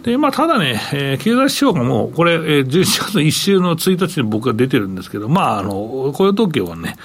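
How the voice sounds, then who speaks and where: Husky fast-talking man. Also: medium pitch, big pitch swings. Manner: rambling, many fillers, chatty. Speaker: market commentator, show regular. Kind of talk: casual radio market commentary.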